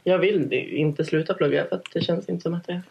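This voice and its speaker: A woman's voice: fairly low pitch, steady tone, gravelly, darkish tone, breathy edge, muffled recording. A young woman chatting casually as a guest, self-deprecating and informal, in northern Swedish mixed with Stockholm speech. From Hälsingland, Sweden. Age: young adult. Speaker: podcast guest. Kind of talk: casual chat.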